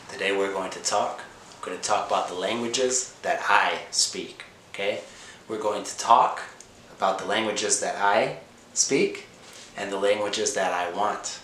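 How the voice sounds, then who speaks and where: A language teacher and channel host from Indiana, United States, gives a slow comprehensible-input lesson in a deep, fairly bright voice. He repeats simple phrases, often checks in with "okay?", and sometimes switches between English and Spanish, in an echoey room with noticeable background noise.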